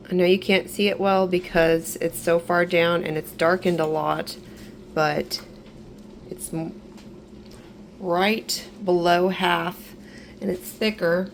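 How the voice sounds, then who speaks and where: A woman getting over an illness, talking through a kitchen canning tutorial in a relaxed, instructive way and repeating reminders. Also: fairly low pitch, slow, pauses often, slight background noise, poor audio. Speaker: home canning vlogger. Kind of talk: casual step-by-step kitchen tutorial. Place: home kitchen.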